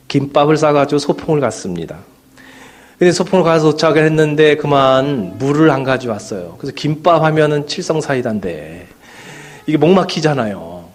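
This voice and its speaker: Man preaching in a conversational style. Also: fairly high pitch. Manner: conversational preaching with frequent fillers and asides. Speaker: pastor. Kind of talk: sermon. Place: church sanctuary.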